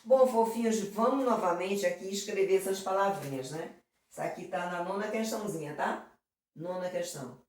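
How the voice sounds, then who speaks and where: A woman's voice: medium pitch, moderate pace, a little mellow. Affectionate woman teacher in echoey room. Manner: affectionate, diminutives and constant check-ins. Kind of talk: exam prep lesson. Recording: very echoey room, mic far off.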